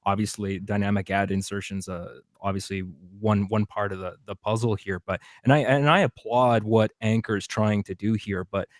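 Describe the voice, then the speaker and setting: A man speaks in a measured, thoughtful way on a casual podcast panel. His voice sits fairly low. The sound is close and dry. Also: darkish tone, dry recording.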